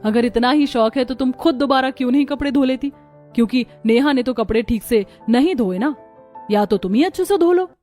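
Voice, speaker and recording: A woman voicing a bold, sharp-tongued young woman in a cartoon story, answering back defiantly. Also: sits high, brisk, soft background music, natural voice. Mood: mocking.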